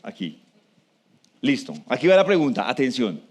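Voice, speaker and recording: A man giving a live talk to an audience, conversational, often asking the room questions and slowing down for emphasis. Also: mid-range voice, very animated, slight background noise. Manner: slows down for emphasis.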